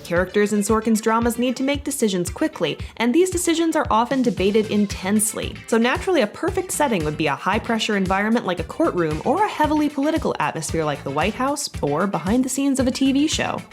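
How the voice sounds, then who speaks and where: A woman narrates a film essay in a brisk, wry voice. Her pitch moves freely and expressively. Faint music plays underneath. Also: sing-song. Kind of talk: scripted narration.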